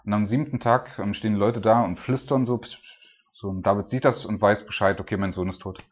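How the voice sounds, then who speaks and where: Speaking in a lowish voice at a quick pace with a steady tone, a man casually retells a Bible story as if chatting. He frequently closes his points with a questioning "ne?" and often lets his voice sink quiet, and the audio sounds dull.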